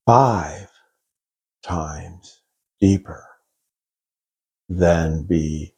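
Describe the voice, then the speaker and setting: Very slow, deep-voiced male hypnotist. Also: mellow, slightly rough. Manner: slow, soothing, drawn-out phrasing. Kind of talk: guided hypnosis script.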